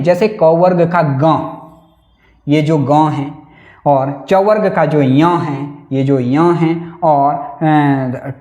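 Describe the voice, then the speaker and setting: A male teacher giving an exam-prep lesson, repeating each point slowly and asking questions that he answers himself. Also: fairly high pitch, darkish tone, roomy sound. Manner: slow and repetitive, asks and answers own questions.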